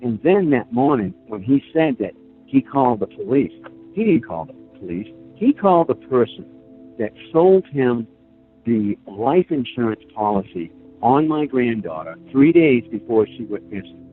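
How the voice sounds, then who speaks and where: A man's voice: mid-range voice, sing-song, normal speed. An older man telling his story in a rambling, emphatic way, full of fillers, during a casual phone interview. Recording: tinny phone line, faint music.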